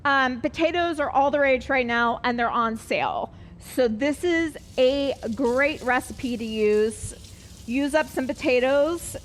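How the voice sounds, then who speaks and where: A woman's voice: high voice, slight background noise. A woman teaching a live online cooking class, chatty and upbeat, explaining each step as she works.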